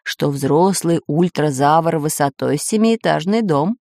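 A woman's voice: sits low, lively intonation, unhurried, warm tone, dry recording, studio quality. A woman doing a fussy professor. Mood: lecturing. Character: learned male geographer professor, fussy and alarmed.

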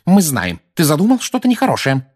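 Aunt Petunia, a man doing a shrill scolding aunt. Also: huge pitch swings, brisk. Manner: sharp, scolding. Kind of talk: audiobook character voice.

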